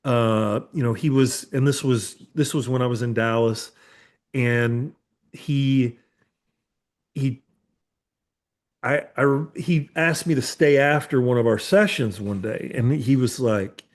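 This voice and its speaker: A therapist in his fifties hosts a podcast, speaking slowly in a mid-range voice. The casual conversation is full of restarts and casual swearing.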